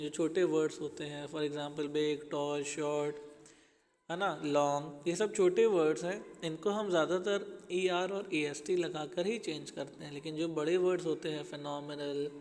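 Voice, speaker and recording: A man's voice: a little high, a little mellow, long reverb tail. A man teaching an English grammar lesson to schoolchildren, explaining patiently and speaking to them as children.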